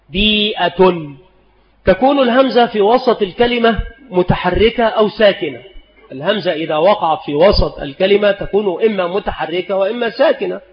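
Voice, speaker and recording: High-voiced man lecturing in an echoing hall. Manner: slow, deliberate, repeats each rule and example. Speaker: Islamic scholar teaching spelling rules. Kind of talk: recorded lecture. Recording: dull lo-fi recording in a reverberant hall.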